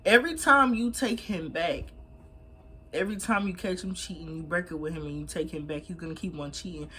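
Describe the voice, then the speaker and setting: A woman's voice: on the low side, brisk, pushed and bright. A young woman giving blunt, emphatic, slangy advice in a casual chat while she eats. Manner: talking while eating. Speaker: mukbang vlogger.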